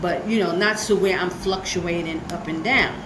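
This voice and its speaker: This channel host has a lowish voice and speaks at a moderate pace, her audio reverberant against background noise. Filler-heavy and earnest, she wanders through talk of her diet and getting prepared, like a casual reaction video.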